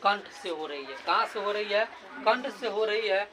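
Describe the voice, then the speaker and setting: Explaining grammar to a class, this teacher keeps asking questions only to answer them himself, and he has students hear sounds drilled out loud. He speaks at an ordinary pace in a high voice over a noisy background.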